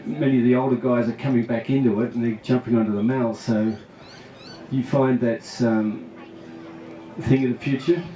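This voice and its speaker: A man's voice: mid-range voice, warm tone. A man interviewing casually as an event host. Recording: roomy echo, distant mic.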